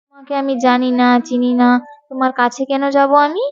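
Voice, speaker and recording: A woman voicing a little girl in a spooky storybook tale. She sounds high and plaintive, as if begging for help. The recording is a little muffled and has music under it. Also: little pitch movement, brisk, close to an everyday voice. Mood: wary. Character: small frightened little girl.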